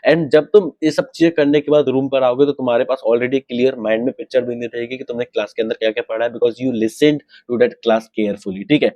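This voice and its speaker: A young Indian man mentoring exam students in a casual, direct way, often checking in with quick tag questions and dropping English phrases into his talk. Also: mid-range voice, fairly even intonation, a little mellow, no echo, muffled recording. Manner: direct, repeats "ठीक है" and "right" to check in, mixes English phrases.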